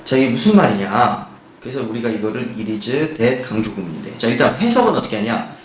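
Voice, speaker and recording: A male teacher walks through an English grammar lesson at a measured pace. He asks his class rhetorical questions and reads the English examples slowly and carefully. The sound carries a roomy echo over a faint background hum. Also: medium pitch, big pitch swings. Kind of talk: recorded grammar lecture.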